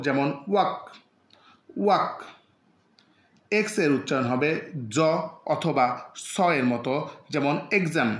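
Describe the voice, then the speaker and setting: A man's voice: fairly high pitch, echoey room. A man teaching English letter sounds in a scripted lesson, saying each example word twice. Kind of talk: slow scripted phonics lesson.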